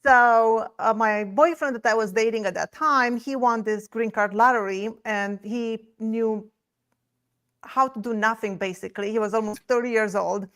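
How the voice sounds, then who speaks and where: A woman's voice: a little high, normal speed, fairly bright tone. A woman from Romania, a guest on an interview show, telling her story in an open, chatty way. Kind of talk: casual interview.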